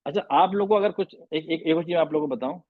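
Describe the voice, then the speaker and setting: A man's voice: fairly high pitch, very fast, no echo, narrow, tinny audio. Patient male teacher on a dry call. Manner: patient, repeats and drills sounds; mixes English phrases into Hindi. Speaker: Arabic reading teacher. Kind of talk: online class lecture. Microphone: video call microphone.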